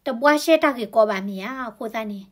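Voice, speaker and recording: A woman's voice: fairly high pitch, fairly quick. A woman explaining health topics in a conversational way, often adding tag particles to her sentences. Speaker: health educator.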